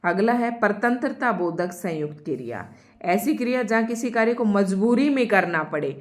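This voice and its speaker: A woman leads an online grammar lesson in a voice of ordinary, mid-range pitch. She works through each term patiently and says her example sentences twice, slowing down so the class can follow. She keeps speaking straight to her learners. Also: expressive. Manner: explains step by step, repeats example sentences slowly; addresses students directly. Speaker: Hindi grammar teacher.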